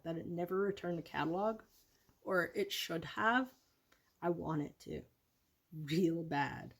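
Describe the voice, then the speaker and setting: A woman vlogging casually about her product predictions, rambling and correcting herself with many ums. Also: lowish voice.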